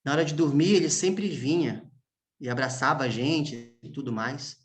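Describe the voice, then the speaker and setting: A man, a pastor preaching a sermon as emotional storytelling, with long pauses and hushed moments. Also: medium pitch.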